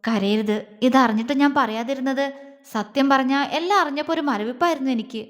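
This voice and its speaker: A woman voicing a tender, protective young man who speaks gently and slowly, in a reverberant recording. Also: natural voice. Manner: gentle, low and slow. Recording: long reverb.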